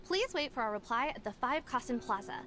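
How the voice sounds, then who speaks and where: A woman's voice: fairly high pitch, expressive, brisk, close to an everyday voice. A woman voicing a young female festival booth attendant in a video game, chirpy and formally polite. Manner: formal, chirpy customer service. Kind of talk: video game character acting. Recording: music behind the voice.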